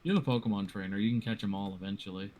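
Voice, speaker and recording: A man co-streaming, explaining the game in a relaxed, joking way. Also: fairly low pitch, racing. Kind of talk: casual gaming chat.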